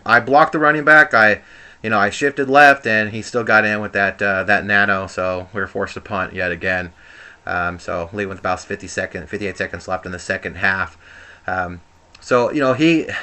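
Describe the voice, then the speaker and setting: A man's voice: on the low side, pushed and bright. A man giving casual, rambling commentary over his own video game play, hesitant and mildly frustrated. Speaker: gamer commentating on own gameplay.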